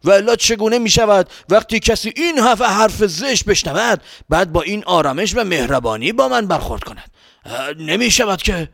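A bad-tempered, muddled grown man on a journey, put on by a male storyteller. The voice sits high and sounds bright and gravelly, swooping all over as he scolds and grumbles. It is recorded close and dry. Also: animated, no echo, heavily acted. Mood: suspicious. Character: hot-tempered, rude grown man traveler, muddled and boastful. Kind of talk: storybook character voice.

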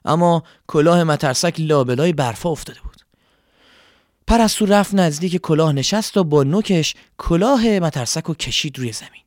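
Man gently reading a children's story. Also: a little high, animated, no echo, clean studio sound.

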